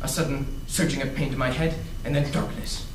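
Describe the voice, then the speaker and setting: A young man playing a dim, indignant, blustering gentleman doctor sidekick in a comic stage reading. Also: medium pitch, steady tone, brisk, natural voice. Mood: alarmed. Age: young adult. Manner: blustering, exclamatory. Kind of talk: comic readers theater on stage. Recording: noisy echoey stage recording from far off.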